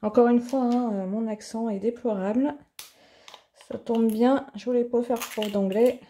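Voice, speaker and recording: Slow, mellow-voiced French woman. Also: a little high, steady tone. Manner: unhurried, chatty, thinking aloud with many fillers. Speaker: art tutorial host. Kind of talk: casual craft demonstration. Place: home office.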